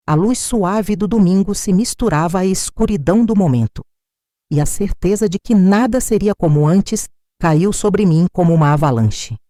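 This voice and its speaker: A middle-aged woman giving a dramatic, measured first-person narration of a family story. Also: low voice, mellow, dry recording, studio quality.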